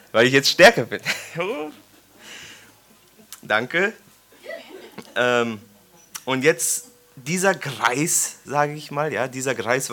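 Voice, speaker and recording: Bright-voiced preacher man in his thirties. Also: mid-range voice. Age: 30s. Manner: joking, engages the congregation with questions. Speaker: preacher leading a Bible study. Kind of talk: informal sermon with scripture reading. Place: church congregation gathering.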